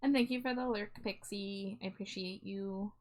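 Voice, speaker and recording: A woman's voice: mid-range voice, fairly even intonation, normal speed. A woman art streamer chatting casually to viewers on a livestream in a cute, friendly, appreciative manner.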